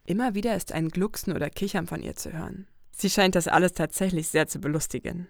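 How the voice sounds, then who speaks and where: A woman reading a first-person story aloud in a calm, even manner. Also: fairly low pitch, fast talker, no echo, clean studio sound. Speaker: audiobook narrator.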